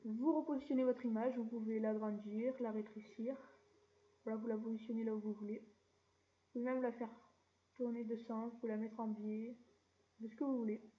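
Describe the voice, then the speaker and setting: A woman's voice: on the high side, normal speed. Chatty woman, lo-fi tutorial voice. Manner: chatty, relaxed, keeps saying "voilà" and drops mild slang. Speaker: tutorial channel host. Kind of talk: casual screen-recorded software tutorial.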